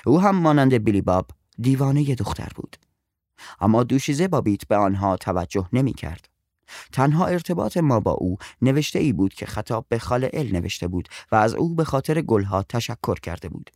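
Male narrator, story reading, animated pitch, dry close sound. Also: no room sound. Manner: expressive, storytelling.

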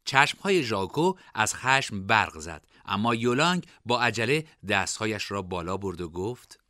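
A man narrating a scripted storybook in an expressive reading style. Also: fairly low pitch, dry recording, studio quality.

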